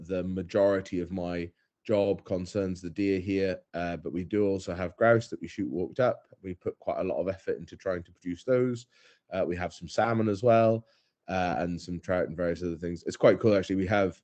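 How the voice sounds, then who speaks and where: A young man with a deep, slightly mellow voice appears as the head stalker guest on a podcast. He talks casually and thoughtfully but hesitantly, with lots of fillers and restarts.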